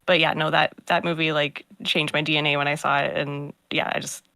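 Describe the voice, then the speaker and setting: A man in a casual livestream Q&A, relaxed and trailing off as he talks. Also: fairly high pitch, a little fast, creaky, dry recording. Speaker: game designer.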